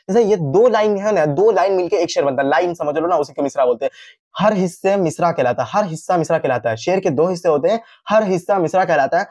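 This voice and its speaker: High-pitched guy doing a casual revision lesson, says everything twice, dry close mic. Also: darkish tone, no echo. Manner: repeats each point, chatty asides to students. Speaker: teacher.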